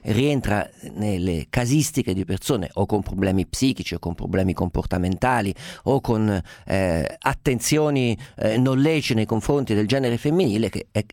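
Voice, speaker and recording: A man's voice: fairly low pitch, expressive, normal speed, hardly any pauses, darkish tone, no echo, studio quality. A man hosting a radio phone-in show, wordy and ironic, with frequent fillers. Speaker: radio talk show host.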